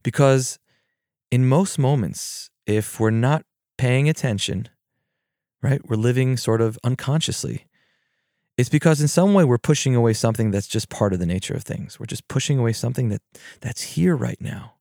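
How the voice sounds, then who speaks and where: A man, a therapist and podcast host, giving a gentle, reflective mindfulness talk and telling stories. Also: mid-range voice, normal speed, creaky, no echo, studio quality.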